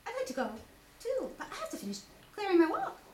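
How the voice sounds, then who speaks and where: Woman as Piglet, squeaky excitable little pig. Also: fast talker, exaggerated voice. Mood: excited. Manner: squeaky, exclaiming. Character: small, timid, excitable young male piglet. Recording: distant echoey room with faint noise.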